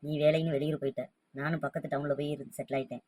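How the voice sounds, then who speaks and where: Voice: medium pitch, flat delivery, very fast, darkish tone, natural voice. An actor voicing a devoted adult elder son who speaks earnestly and emotionally to his sick mother.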